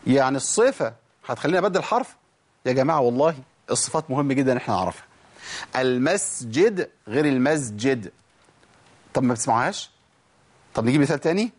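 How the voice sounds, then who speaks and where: A man with an Egyptian Arabic accent teaching Quran pronunciation. He asks himself rhetorical questions and demonstrates sounds slowly, repeating them over and over. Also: mid-range voice, lively intonation, a little mellow. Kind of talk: tajweed lesson.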